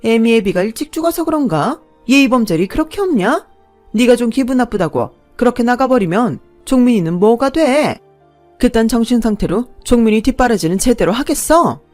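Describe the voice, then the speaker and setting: A woman voicing a scornful middle-aged mother-in-law who scolds loudly. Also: a little high, animated, a little fast, soft background music, voice pushed up, lightly acted. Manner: shouting, scolding.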